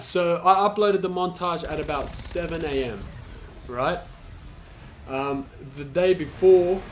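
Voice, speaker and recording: A man's voice: fairly high pitch, a little hiss or hum. Congested young man, casual swearing vlog. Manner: animated, swearing, slangy, says man a lot. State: congested from flu. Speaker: gaming YouTuber.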